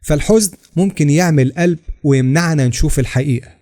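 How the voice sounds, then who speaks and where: A man with an Egyptian Arabic accent reading scripted religious narration, steady and explanatory, citing scripture references. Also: a little high, quick pace. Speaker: channel narrator.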